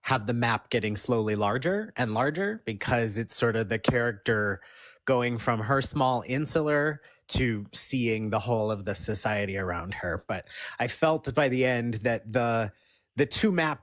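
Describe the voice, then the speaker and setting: A woman's voice: rumbling low, no room sound. Dry-sounding woman author in casual interview. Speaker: fiction author being interviewed.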